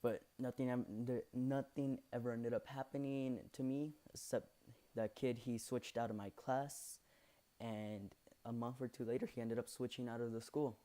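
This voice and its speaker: Rambling young guy with a mellow voice. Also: medium pitch, steady tone, normal speed. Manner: rambling, many fillers and self-corrections. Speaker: channel host. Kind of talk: casual storytelling over gameplay.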